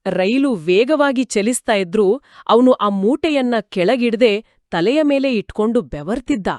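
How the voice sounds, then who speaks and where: Calm, expressive woman co-host. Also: fairly high pitch, unhurried, dry recording, studio quality. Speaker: podcast co-host. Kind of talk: scripted spiritual discussion.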